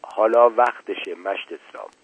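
A man reading aloud voices a bossy older village woman, the groom's mother, calling loudly to a wedding crowd. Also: fairly low pitch, slightly rough, no room sound. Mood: urging. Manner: loud, commanding calls to the crowd. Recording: tinny phone-like dry recording.

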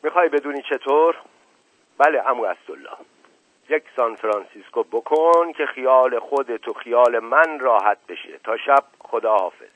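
Jovial, worldly man, breezy and teasing, voiced by a man; raspy voice, dry phone-like sound. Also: medium pitch, no echo, voice pushed up, natural voice. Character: jovial, worldly middle-aged man, playful schemer. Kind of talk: audiobook reading. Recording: narrow phone-like radio recording.

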